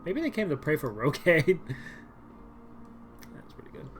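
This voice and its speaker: A woman streamer reads a dating game aloud in the first person, adding sarcastic, wry asides between lines of the story. Her voice is low, but her pitch swings widely as she jumps into exaggerated outbursts. The delivery is playful and theatrical. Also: very animated, takes it slowly, heavy background noise. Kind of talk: dramatic game read-through.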